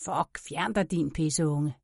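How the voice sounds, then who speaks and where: A woman's voice: sits low, gravelly, a little mellow, breathy edge, no echo, clean studio sound, full character voice. A woman reading the part of a crude, angry man who swears under his breath. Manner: muttered swearing, harsh. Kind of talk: audiobook character voice.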